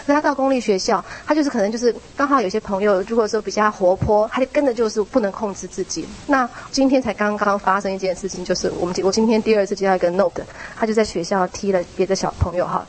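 A woman, a mother, sharing her own story in a church small group, chatty, with a soft tag particle at the end of her phrases. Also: medium pitch, fast, hardly any pauses, a little hiss or hum, low-quality recording.

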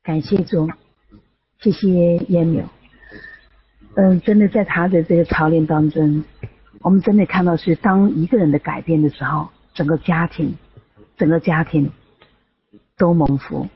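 Husky voiced host wrapping up testimonies, muffled online chat sound. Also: medium pitch, moderate pace, pauses often. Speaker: prayer room host. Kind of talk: closing remarks after testimonies.

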